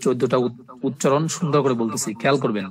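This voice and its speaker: Man drilling Arabic word forms. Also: mid-range voice. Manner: drills word forms in slow repeated lists; explains step by step, often checking "ঠিক আছে?". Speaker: Arabic language teacher. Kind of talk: live online class lecture.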